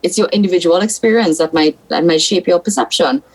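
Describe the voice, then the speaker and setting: A woman's voice: on the low side, a little fast, low-quality recording. A woman from South Trinidad with a Trinidadian accent, a senator giving blunt, frank opinions as a guest on a political talk show.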